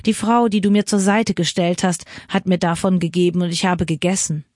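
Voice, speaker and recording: A woman's voice: lowish voice, fairly even intonation, fairly quick, darkish tone, dry recording, clean studio sound, lightly acted. A woman reading the anxious, excusing lines of the first man hiding in the garden. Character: the first man, fearful and defensive.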